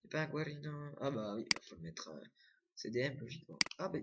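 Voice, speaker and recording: A man's voice: on the high side, sing-song, fairly quick, highs cut off, heavy background noise. A young man casually commenting on his own screen recording, full of fillers and self-corrections. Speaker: gaming video creator.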